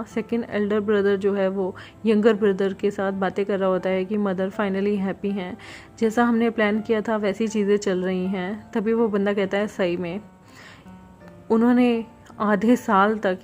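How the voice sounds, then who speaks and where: A woman's voice: mid-range voice, darkish tone. A woman retelling a fan fiction story in a plain, conversational way, mixing English words into her speech.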